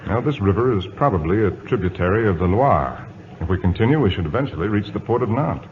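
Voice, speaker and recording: An actor playing a resolute, courteous British naval captain in measured, commanding old-time radio drama style. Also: male voice, lowish voice, expressive, close to an everyday voice. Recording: muffled old radio broadcast, reverberant, hissy.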